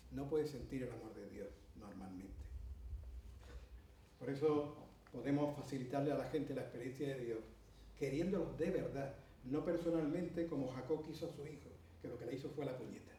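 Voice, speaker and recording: This middle-aged conference speaker from Andalusia, Spain, has a mellow, mid-range voice, a moderate pace and an Andalusian Spanish accent. He shares a long anecdote with the audience, full of fillers and asides. The recording comes from a distance in a roomy hall with slight background noise.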